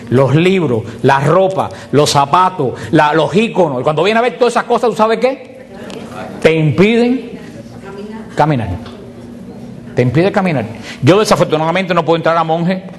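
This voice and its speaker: A middle-aged man teaches a Bible class in a fairly high, animated voice. He keeps asking his listeners questions and answering them himself. A faint noise sits under the recording. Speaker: catechist.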